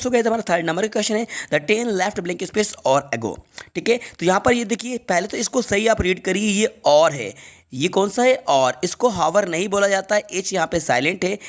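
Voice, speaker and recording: An Indian man teaching an English grammar lesson for exam preparation, explaining step by step and reading each example sentence slowly, often twice. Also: sits high.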